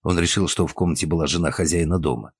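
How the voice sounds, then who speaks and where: A man voicing a calm, persistent male investigator who speaks in a measured way, with a husky voice. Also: low voice, no room sound, studio quality.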